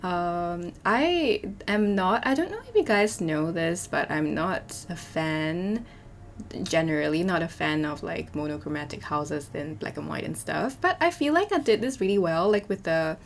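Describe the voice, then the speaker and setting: A young woman talks in a hoarse, slightly low voice, rambling casually through a voiceover with lots of "um" and "like" and restarts. Her relaxed home recording has a faint hiss of background noise beneath it. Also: unhurried. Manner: chatty, rambling, many fillers and restarts. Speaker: Sims speed-build YouTuber.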